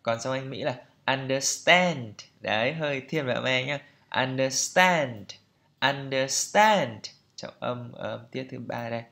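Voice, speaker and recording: A man's voice: mid-range voice, fairly even intonation, brisk, gravelly, hardly any pauses, a bit bright. A man teaching English pronunciation, repeating each word several times and then patiently explaining how to say it. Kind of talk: pronunciation lesson.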